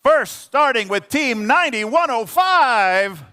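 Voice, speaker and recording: A man emceeing a live competition with hyped, drawn-out calls in the manner of a fighting game announcer. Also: very high voice, expressive, sharp tone, clear, resonant tone. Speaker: event emcee introducing a robotics competition.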